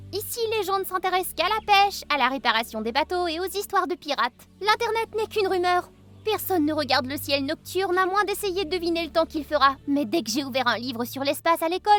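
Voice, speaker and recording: A woman narrating an animated diary story in the first person, quirky and excitable. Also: high voice. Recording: music behind the voice.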